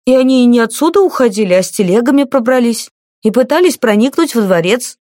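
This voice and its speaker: A woman reading a young beardless male palace guard in an audiobook, reporting in a brisk, eager military manner. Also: a little high, animated, darkish tone, no room sound, clean studio sound, voice pushed up, natural voice. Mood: flustered.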